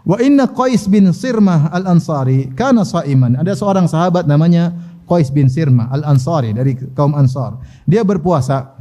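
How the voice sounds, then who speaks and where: A man's voice: a little high, lively intonation, normal speed, dark tone. A man giving a religious lesson, reciting Arabic passages, then translating them and acting out the dialogue with humor. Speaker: Islamic preacher.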